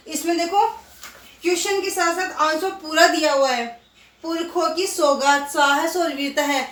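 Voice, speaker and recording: A woman schoolteacher walks young pupils through a lesson, patiently drilling words and answering her own questions. Her voice sits high. She sounds set back from the mic in a roomy, echoing space. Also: fairly bright tone, distant mic. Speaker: primary school Hindi teacher. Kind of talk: recorded online class lesson.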